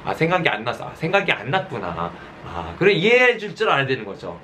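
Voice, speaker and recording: A middle-aged man preaching a sermon as a pastor, conversational and halting, often checking in with listeners. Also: mid-range voice, huge pitch swings, pushed and bright. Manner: halting, many fillers and self-corrections. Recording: faint background noise.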